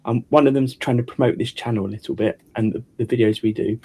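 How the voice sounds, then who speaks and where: A man's voice: mid-range voice, steady tone, quick pace, dark tone, breathy edge. A man hosting a casual chat about guitar building, rambling with frequent restarts. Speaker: host.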